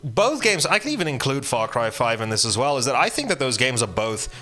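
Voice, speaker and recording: A man's voice: mid-range voice, sing-song, a little fast, pushed and bright, soft background music. A man chatting casually about games, rambling with many restarts and fillers, blunt and profane. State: hiccuping. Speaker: gaming channel host. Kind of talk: casual rambling game commentary.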